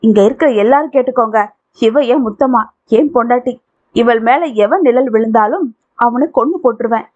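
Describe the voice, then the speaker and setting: A woman's voice: a little high, fairly quick, a little mellow, close to an everyday voice. A woman reading the part of a possessive, violent young man in love, in a domineering tone. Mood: threatening. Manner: menacing, domineering. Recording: tinny phone-like audio.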